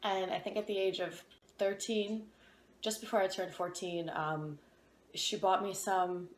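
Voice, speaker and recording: A woman in her twenties from Ukraine, candidly and reflectively telling her own story, pausing on fillers as she goes. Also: mid-range voice, steady tone. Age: 20s. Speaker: interviewee. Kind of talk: personal testimony. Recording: echoey room, faint background noise.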